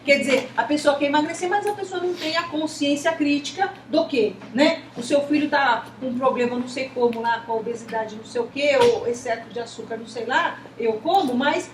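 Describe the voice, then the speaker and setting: A teacher with a Brazilian Portuguese accent and a high voice lectures her class talkatively, repeatedly pausing on rhetorical "isn't it?" questions. She's recorded from a distance in an echoey room with faint background noise.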